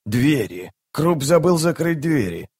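A man's voice: a little high, very animated, a little slow, darkish tone, husky, voice pushed up, exaggerated voice. A man reading an audiobook, voicing a plump, self-important male sorcerer who talks in a florid, pompous way. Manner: pompous, talks about himself in the third person. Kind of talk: audiobook character voice.

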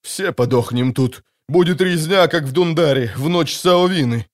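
A man's voice: on the high side, normal speed, pitched above the performer's own voice, lightly acted. A man voicing a terrified male soldier who wails in panic and predicts doom. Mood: panicked. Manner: panicked wailing.

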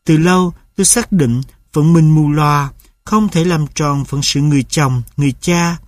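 A man's voice: on the high side, moderate pace, dry recording, studio quality, natural voice. A man voicing a humble, heartfelt blind young man who speaks tenderly.

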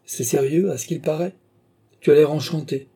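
A man's voice: a little high, fairly even intonation, normal speed, creaky, mellow, pitched above the performer's own voice. A man voicing a proud, sardonic old duke and marshal in an audiobook, with brusque retorts. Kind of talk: audiobook character reading.

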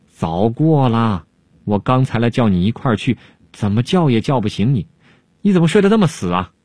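Man doing cunning court jester, unhurried teasing drawl, husky, dry close sound. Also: mid-range voice, animated, a little mellow, no echo, close to an everyday voice. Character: sly, unflappable male Han court jester-scholar.

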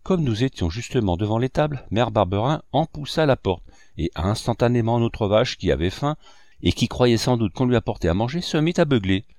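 A man reading a classic novel aloud with animated storytelling. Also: mid-range voice, fairly quick, no echo, clean studio sound. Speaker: audiobook reader.

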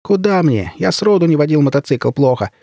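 A man's voice: a little high, sing-song, a little fast, warm tone, no room sound, studio quality, pitched above the performer's own voice. Young village lad on a bike, urgent and raised; male reader voicing him. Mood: eager.

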